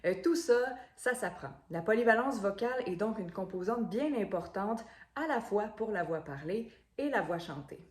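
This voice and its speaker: A woman's voice: medium pitch, expressive, normal speed, reverberant. A woman, a voice coach explaining things in an instructional video, with frequent fillers and repeated words.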